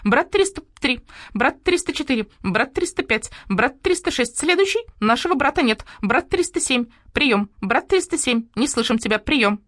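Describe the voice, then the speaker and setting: A woman voicing a small male starling policeman who repeats others' words in a high, monotonous voice. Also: moderate pace, dry recording, studio quality. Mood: droning.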